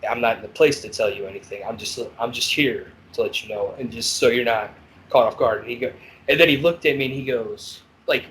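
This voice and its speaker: A man on a podcast telling stories of his years as a corrections officer, in a blunt, profane, animated way. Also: medium pitch, poor audio. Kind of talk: casual storytelling chat.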